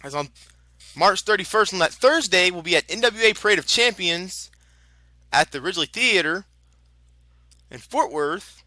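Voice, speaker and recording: Bright, high-voiced male lucha libre announcer. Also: animated, moderate pace, pauses often, no echo. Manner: chatty, informal, exclamatory. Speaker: wrestling announcer. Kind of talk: lucha libre play-by-play commentary with promotional plugs.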